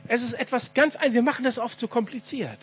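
Male pastor preaching at a church service, high breathy voice, muffled lo-fi sound. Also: brisk, fairly bright tone. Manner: emphatic preaching with repeated phrases, addresses the congregation. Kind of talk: sermon.

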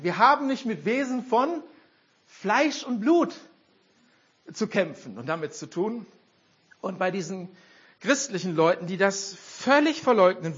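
An older man preaches with a high, lively voice that swings widely in pitch. His tone is husky, and he keeps firing rhetorical questions at his listeners. The recording sounds dull and lo-fi. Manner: animated, rhetorical questions to the congregation. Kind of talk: sermon.

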